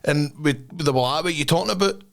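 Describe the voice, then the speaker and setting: A Scottish man hosting a podcast, telling stories in animated, sweary slang and casual banter. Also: on the high side, fast talker, creaky. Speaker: podcast host.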